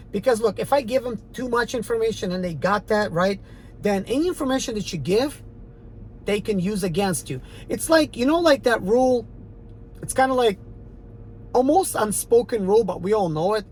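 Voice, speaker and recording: In a rough recording with slight background noise, a Ukrainian rideshare driver from the former Soviet Union talks to a channel audience in a mid-range voice and an Eastern European accent. He's casual but defiant and emphatic, rambling with many fillers.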